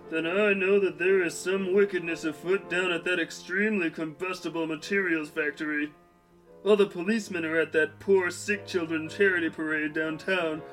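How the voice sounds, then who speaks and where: A man's voice: high voice, fairly bright tone, low-quality recording. A man voicing a dim, cheerful shapeshifting blob superhero in a comic audio drama, earnest and dopey. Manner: earnest, dopey, heroic declarations. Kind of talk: comedic audio drama acting. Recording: music bed underneath.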